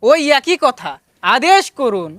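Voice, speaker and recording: A man's voice: very high voice, sing-song, slow pace, a bit bright, no room sound, clean studio sound, voice pushed down, full character voice. A man voicing a dim-witted male army general in a comic skit. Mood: curt.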